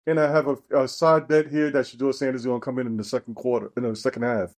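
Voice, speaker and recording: A man's voice: mid-range voice, flat delivery, fast talker, darkish tone. A man on a sports betting podcast panel, loose and joking, meandering through his picks over a weak connection. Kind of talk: casual sports betting chat. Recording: faint remote connection.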